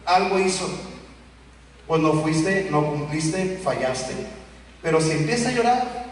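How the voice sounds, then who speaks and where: A Mexican pastor preaches in a lively, animated way, slipping into the voices of the people in his stories. His voice sits high for a man. It comes from far off in a big hall with long echoes and faint background noise. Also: takes it slowly. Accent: Mexican Spanish. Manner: animated, acts out quoted voices of children and parents. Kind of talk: sermon. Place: church hall.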